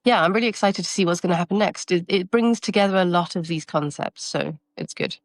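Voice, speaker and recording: Brisk and lowish-voiced, a woman in her thirties gives reflective interview answers full of fillers and false starts, with no echo on the audio. She's a marketing consultant and guest who grew up in France and first spoke Taiwanese.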